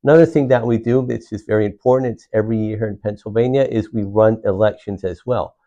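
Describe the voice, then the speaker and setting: A middle-aged Puerto Rican man, a county commissioner, answers interview questions earnestly in a fairly low, warm voice, speaking fast. He repeats words and keeps restarting with lots of "uh"s, and the sound is lo-fi.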